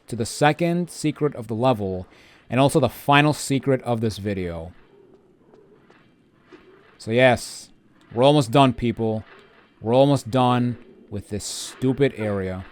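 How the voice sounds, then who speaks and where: A man's voice: mid-range voice, expressive, measured pace. Male walkthrough host: mid-range voice, informal, off-the-cuff gaming commentary with a grumbling streak. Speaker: video game walkthrough host. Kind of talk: casual gameplay commentary.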